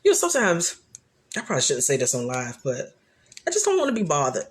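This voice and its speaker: Loud, laughing woman chatting live. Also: low voice, fast. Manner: chatty and animated, frequent restarts. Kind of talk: casual live chat.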